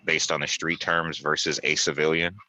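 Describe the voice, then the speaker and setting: A man co-hosting a casual analytical discussion, speaking deliberately through a mask and often qualifying his points. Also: a bass voice, little pitch movement, pushed and bright. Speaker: talk show co-host.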